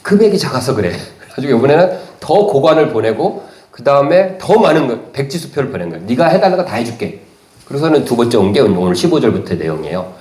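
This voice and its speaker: A man's voice: mid-range voice, big pitch swings, fast, darkish tone, roomy sound. A man preaching a sermon as a pastor, retelling a story and acting out the characters' lines. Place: church.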